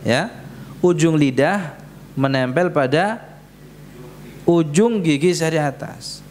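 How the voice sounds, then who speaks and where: A man leads a recitation class in a mosque, spelling out each letter sound slowly and patiently. His voice sits a little high for a man, and his pace is very unhurried. A faint hiss hangs behind him. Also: darkish tone. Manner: patient, repeats sounds slowly for students to copy. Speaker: Quran recitation teacher. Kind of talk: tajweed lesson in a mosque. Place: prayer hall of a mosque.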